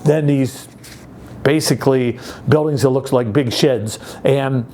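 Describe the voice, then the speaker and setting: A man in his sixties giving a casual, upbeat youth-pastor style talk, conversational and halting, repeating phrases for emphasis. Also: mid-range voice, warm tone, slight background noise. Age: 60s. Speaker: youth group leader.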